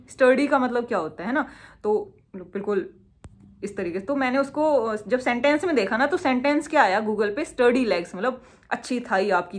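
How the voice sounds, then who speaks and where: Chatty young woman tutor. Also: fairly high pitch. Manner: chatty, self-mocking, with homely memory tricks. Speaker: exam prep tutor. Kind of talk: casual tips to the camera.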